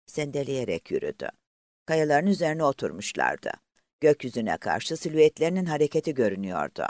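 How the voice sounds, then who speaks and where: An audiobook narrator reads a novel aloud from a script in a measured, expressive storytelling style. His mid-range voice is recorded cleanly in a studio with no echo.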